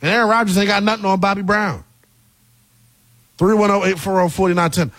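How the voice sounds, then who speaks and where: A man's voice: sits high, steady tone, a little fast, fairly bright tone, dry recording, studio quality. A man hosting sports talk radio, colloquial and emphatic, repeating phrases to drive his points home. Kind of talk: sports talk monologue and caller chat. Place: radio studio.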